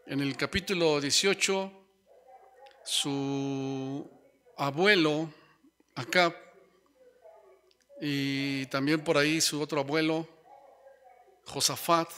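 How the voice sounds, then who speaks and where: Bright-voiced male preacher. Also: fairly high pitch. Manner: speaks to the listeners as brothers, tags lines with rhetorical questions. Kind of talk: sermon.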